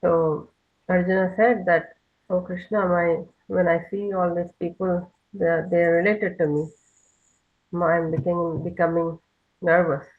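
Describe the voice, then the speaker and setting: A woman teaching a children's lesson over a video call, slowly leading call-and-response recitation. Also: lowish voice, flat delivery, narrow, tinny audio. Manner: slow, patient call-and-response chanting.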